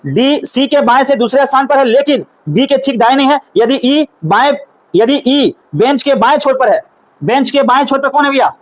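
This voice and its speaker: A man's voice: very high-pitched, animated, moderate pace, poor audio. A man with a Bihari Hindi accent teaching a class. He keeps asking the room questions and repeating the puzzle step by step in a coaxing, patient way. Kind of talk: classroom reasoning lesson.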